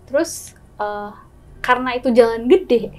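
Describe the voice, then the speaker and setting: A woman's voice: a little high, a little slow. A woman guest telling her own experience in a casual chat, acting out the scenes with quoted dialogue. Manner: lively, acts out scenes with gestures and quoted dialogue.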